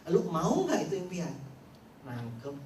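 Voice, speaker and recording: Animated slang seminar speaker, man. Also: sits high, fairly quick, slight background noise. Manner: animated, quizzes the audience, acts out quotes. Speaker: motivational speaker. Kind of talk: seminar talk to an audience. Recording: roomy sound from far off, faint ambience.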